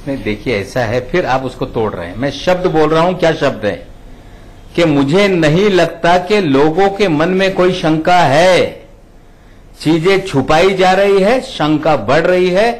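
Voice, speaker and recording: A man with a high voice argues for his party in a TV debate. He rebuts the other side insistently. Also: unhurried, poor audio. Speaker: party spokesman. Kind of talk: political debate.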